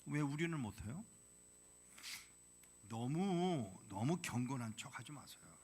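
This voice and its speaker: A male missionary preaching a sermon in a church, blunt and provocative with the congregation, swinging from hushed whispers to loud outbursts. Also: medium pitch, very animated, takes it slowly, breathy edge. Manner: dramatic, drops to whispers then bursts out loudly. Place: church sanctuary.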